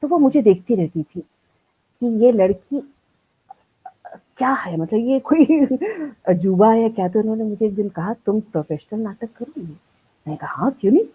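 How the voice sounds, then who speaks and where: An older woman, a veteran theatre artist, telling stories from her life in a lively live-streamed interview and acting out the lines she quotes. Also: mid-range voice, moderate pace, breathy edge, narrow, tinny audio. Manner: animated, acts out quoted lines.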